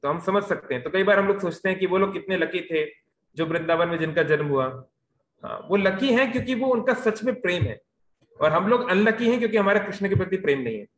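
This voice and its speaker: A man's voice: high voice, animated, a little fast, a bit bright, reverberant, a little hiss or hum, low-quality recording. A man giving a devotional youth lecture over a video call. He tells the story in a storytelling way, mixing in English words and using frequent fillers.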